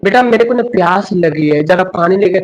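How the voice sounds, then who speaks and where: A man's voice: high-pitched, lively intonation, normal speed, lo-fi sound. A man voicing a forgetful middle-aged mother who keeps pleading and coaxing her son.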